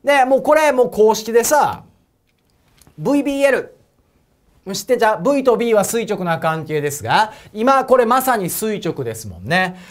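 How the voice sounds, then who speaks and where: A man with an Osaka accent gives a physics exam lecture in a chatty, joking way. His voice moves lively up and down as he asks viewers questions and laughs at his own asides. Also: high voice, brisk, few pauses. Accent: Osaka Japanese. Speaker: prep school physics teacher. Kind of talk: whiteboard lecture to camera.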